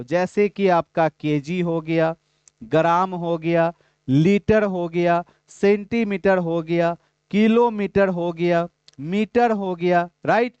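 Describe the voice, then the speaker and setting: A male teacher with a high, clear voice runs a live online exam-prep class. He asks his viewers questions, answers them himself and calls out their names as replies come in. The sound is dry and a little dull. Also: no echo.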